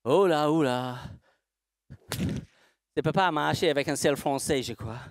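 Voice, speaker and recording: A man's voice: fairly high pitch, measured pace, dry recording, clean studio sound. A man, a horse trainer speaking slightly broken French in a live seminar demonstration, asking rhetorical questions and answering them himself.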